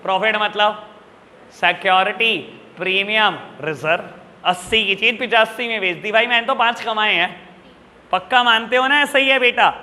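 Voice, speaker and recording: Male teacher, high piercing voice, fatherly scold who keeps quizzing the class, echoey room with a long tail. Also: moderate pace, pushed and bright, a little hiss or hum. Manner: scolding, fatherly, calls students son, rhetorical questions. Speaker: accounts teacher. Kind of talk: classroom lecture. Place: classroom with students.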